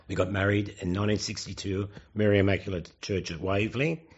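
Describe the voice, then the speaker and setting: Halting, low-voiced elderly Australian man reminiscing. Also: fairly even intonation, husky. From Sydney, Australia. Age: 70s. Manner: halting, with hesitant pauses and self-corrections. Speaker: oral history interviewee. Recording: dull, lo-fi interview recording.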